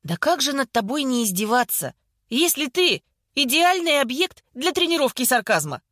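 A woman voicing a sharp-tongued older woman in a hospital bed, hoarse and sarcastic, teasing without mercy. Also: sits high, very animated, moderate pace, no room sound, studio quality, exaggerated voice. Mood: mocking.

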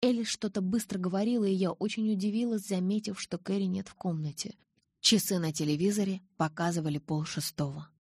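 A woman reading a first-person novel aloud as an audiobook narrator, with expressive storytelling. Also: medium pitch, brisk, slightly rough, no room sound, studio quality.

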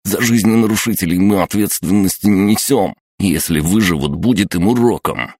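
A man's voice: sits low, normal speed, a little mellow, slight background noise, pitched above the performer's own voice, natural voice. A man doing a shrieking, foul-mouthed cowardly officer. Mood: spiteful. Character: cowardly, rude, hysterical male escort officer.

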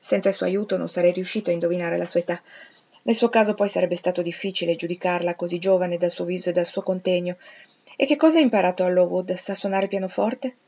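Woman reading as a commanding middle-aged gentleman, curt, imperious, lowish voice, dull lo-fi sound. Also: fairly even intonation, fast, slightly rough. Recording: slightly dull lo-fi recording.

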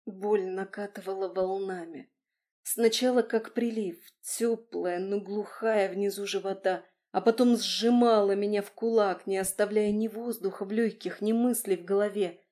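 A woman reading a novel aloud as a first-person audiobook narrator, in a steady, expressive way. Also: mid-range voice, normal speed.

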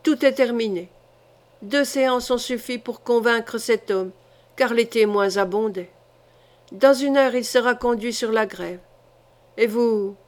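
A woman reading an audiobook voices an ambitious medieval duke, tense and clipped, in her own fairly high voice. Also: a little slow, close to an everyday voice. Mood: grim.

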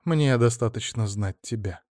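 A man's voice: medium pitch, normal speed, darkish tone, no room sound, clean studio sound, natural voice. A man reading an audiobook, voicing a bitter middle-aged woman who speaks with contempt. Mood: contemptuous. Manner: contemptuous, biting.

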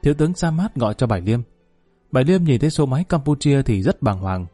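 A man reading a story aloud in a steady, even narrating voice. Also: mid-range voice, fast, breathy edge, dry recording, faint music behind. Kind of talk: scripted narration.

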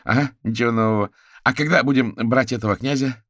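Man acting as a young male spirit creature, shrill, loud, impulsive, dry close recording. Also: animated, fast, breathy edge, no room sound. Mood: eager. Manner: loud, indignant outbursts. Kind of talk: audiobook character voice.

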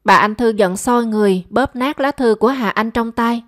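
A woman narrating an audiobook story in a steady, even storytelling voice. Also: a little high, moderate pace, no echo, clean studio sound.

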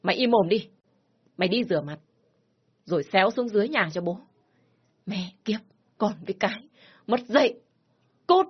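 A woman plays a domineering older father in a spoken story, shouting harsh rebukes. The voice pushes loud and climbs high. It sounds husky, on a dull, lo-fi recording. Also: lively intonation, moderate pace, pauses often. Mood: furious shouting. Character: furious stern older village father, domineering.

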